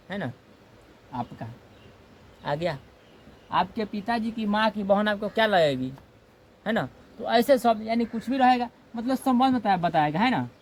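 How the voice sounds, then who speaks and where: A man's voice: high-pitched, slight background noise. A man teaching grammar in a classroom, repeating points and often checking in with "है ना". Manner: repetitive, checks in with "है ना"; acts out comic example dialogue. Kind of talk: classroom lecture.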